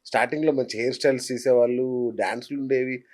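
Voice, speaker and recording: A woman hosting a talk show, effusive and quick to praise her guest. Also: rumbling low, fairly even intonation, a crowd in the background. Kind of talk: casual interview chat.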